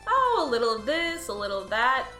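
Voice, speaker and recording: A woman with a fairly high, sing-song, sharp voice speaks briskly as a cheerful, naive male alien on his first day at work in an audio drama. He sounds eager, upbeat and earnest, and the recording has a roomy echo with faint music.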